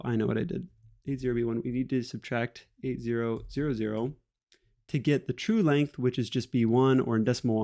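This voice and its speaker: A man with a medium-pitched, slightly mellow voice leads a screen-share coding tutorial as the instructor. He thinks aloud in a casual, self-deprecating way, using fillers as he goes.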